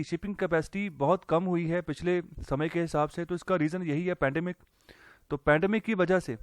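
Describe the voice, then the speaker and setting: In an informal economics lecture, a man goes over a newspaper editorial in a chatty way, sprinkling in English terms and plenty of fillers. His voice sits on the high side, and there's no echo.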